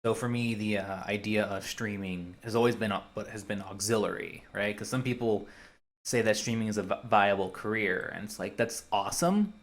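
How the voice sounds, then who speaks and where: This solo podcast host is a young man whose voice sits on the low side. His talk is casual and meandering, and he keeps stopping, restarting, and working through ideas as he goes.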